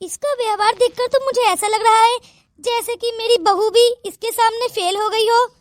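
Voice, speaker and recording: A bossy older aunt, voiced for a cartoon, indignant and meddling. She sounds extremely high-pitched. The recording is dry and close. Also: steady tone, normal speed, no echo. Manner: scolding, bossy. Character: older sister-aunt, nosy and quick to anger. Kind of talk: Hindi cartoon voice acting.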